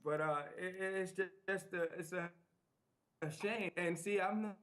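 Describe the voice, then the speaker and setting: A man speaks as an interview guest in a fairly high voice. He is earnest and emphatic and repeats key phrases. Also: fairly even intonation, normal speed, a bit bright, rough recording.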